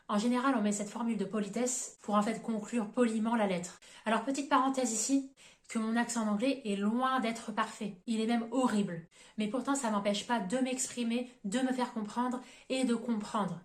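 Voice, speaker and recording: A woman teaching on her own English channel takes a grammar lesson step by step, spelling out letters and slowing for every example sentence. Her voice is slightly high, and the room gives her words a clear echo.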